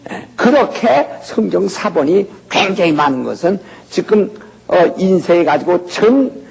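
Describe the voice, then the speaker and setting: A man's voice: sits high, sing-song, a little slow, vocal fry, darkish tone, breathy edge. An older man giving a folksy, conversational Bible lecture, often checking in with his listeners. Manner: folksy, keeps asking "예?" to the audience. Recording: lo-fi recording in a reverberant hall.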